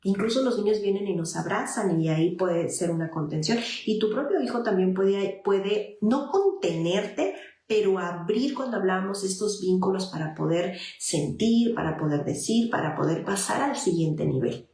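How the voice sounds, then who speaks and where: A woman's voice: mid-range voice, expressive, normal speed, mellow. A woman psychologist giving parenting advice on a livestream and answering viewer messages, with frequent fillers and restarts. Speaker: child psychologist and parenting advisor. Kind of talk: live parenting advice talk. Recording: echoey room.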